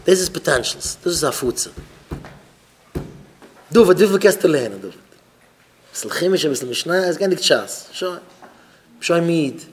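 A man's voice: on the high side, expressive, normal speed, pauses often, a little hiss or hum. A man, a rabbi, giving an informal talk at a Shabbat gathering, repeating phrases and questioning listeners by name. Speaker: rabbi addressing students.

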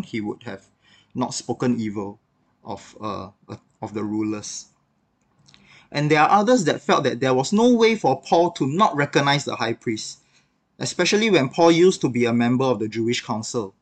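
A man giving a devotional talk on a Bible passage, reflective and conversational, with occasional filler words. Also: medium pitch. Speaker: devotional speaker.

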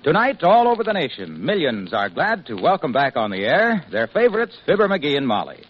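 A man's voice: on the high side, huge pitch swings, brisk, music in the background. A man announcing in a chipper, polished 1950s radio advertising style, with upbeat salesmanship. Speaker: radio show announcer and sponsor pitchman. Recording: dull, lo-fi vintage radio recording.

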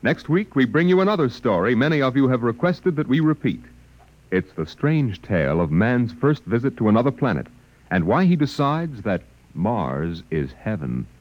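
A male radio announcer giving a formal, measured sign-off, heard as an old broadcast disc transcription. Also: mid-range voice, very animated. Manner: measured, drawn-out sign-off delivery. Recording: muffled distant old broadcast disc with hiss and music.

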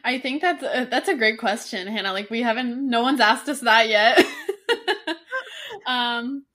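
A woman's voice: a little high, unhurried. A woman born in Canada co-hosting a podcast, talking with enthusiasm and a lot of "like". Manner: warmly enthusiastic, lots of "like". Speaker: podcast co-host. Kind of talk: casual podcast chat.

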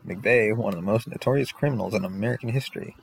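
A man's voice: fairly low pitch, fast, creaky, slight background noise. A man hosting a scripted top ten countdown, announcing entries and recounting facts about each one. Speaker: host presenting a countdown list.

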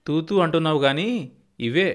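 A man doing a gruff old farmer grandfather. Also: fairly high pitch, animated, normal speed, a bit bright, pitched above the performer's own voice. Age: older. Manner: gruff, folksy village speech. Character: proud old farmer grandfather, stubborn yet tender.

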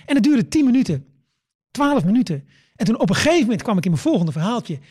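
Fast-talking stammering male comedian. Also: sits high, big pitch swings, a little mellow, breathy edge, no echo. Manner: stammering restarts, repeats words; acts out his own quoted words. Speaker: stand-up comedian. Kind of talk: casual anecdotal chat.

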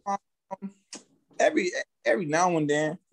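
A man's voice: on the high side, animated, normal speed, vocal fry. A man with an American accent chatting casually as an interviewed music artist, using street slang and repeating his phrases. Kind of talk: casual chat.

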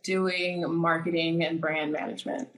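Talking at a moderate pace with little pitch movement, a low-voiced woman in her twenties chats casually in an interview, filling her speech with "like." Born in Nigeria and raised in the US, she's recorded with poor, reverberant audio.

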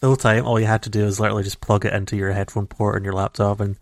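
A podcast co-host on a casual gaming show talks in long, rambling runs full of restarts and fillers, his lowish voice racing along in a flat delivery. He's recorded raw over a call on a home computer mic, and the home audio is dry.

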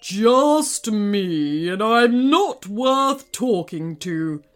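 A woman's voice: medium pitch, expressive, very slow, soft background music. A woman voicing a huge, grumpy, miserable volcano with a stomachache, in a storybook reading. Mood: grumbling. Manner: grumbling, miserable, sighing.

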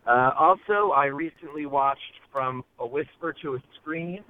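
A man phoning in to a show from his car over a Bluetooth speakerphone, talking in a hesitant way with many filler pauses. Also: fairly high pitch. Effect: car speakerphone call over Bluetooth. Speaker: caller. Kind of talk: casual call-in message. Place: inside a car. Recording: tinny phone line from a car.

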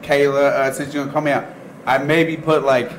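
A man's voice: fairly high pitch, steady tone, brisk. A man chatting casually as a show co-host in an easygoing, meandering stoner manner. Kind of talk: casual unscripted chat. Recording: clearly noisy live room recording.

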